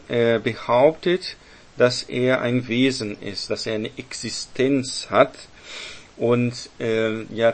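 Male Bible study leader, mid-pitched, unhurried delivery, explains patiently with frequent check-ins. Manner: explains step by step, often ending with "ne?". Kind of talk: Bible teaching to a group.

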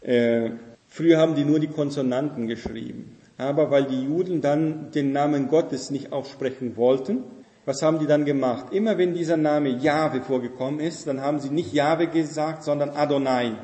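Teaching a Bible study class, a man explains things step by step and keeps checking on his listeners with "ne?" and "versteht ihr?" His mid-range voice is warm and moves at a moderate pace, and the recording carries an echoey hall reverb.

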